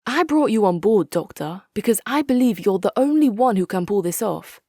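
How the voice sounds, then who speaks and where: This is a video game faction leader: a hard-nosed, articulate female military commander, dry and resolute, delivering dramatic scripted game quotes. Her middle-pitched voice is animated yet mellow, speaking in measured, authoritative phrases with a wry edge and an urgent, frank mood. The recording is dry and close, with no room echo.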